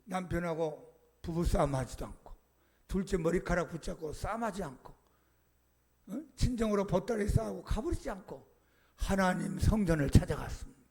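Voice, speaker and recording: A man, a pastor, preaching a sermon with emphatic swings between soft and loud delivery. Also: high-pitched, animated, normal speed. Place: church sanctuary.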